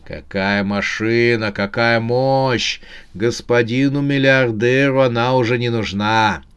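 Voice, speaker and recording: A man's voice: medium pitch, takes it slowly, a bit bright, clean tone. A man voicing a smug male spy who savours each word, close to his own reading voice. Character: smug British male spy, pleased with himself.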